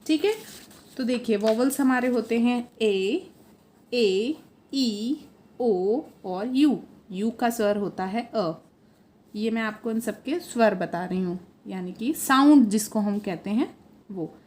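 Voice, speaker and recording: A woman's voice: on the high side, slow pace, darkish tone. A woman teaching a phonics lesson for children, patiently sounding letters out one by one and correcting her own slips as she goes.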